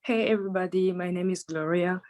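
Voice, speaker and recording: Flat, low-voiced woman. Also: a little fast. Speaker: entrepreneur introducing herself. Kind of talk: self-introduction on a video call.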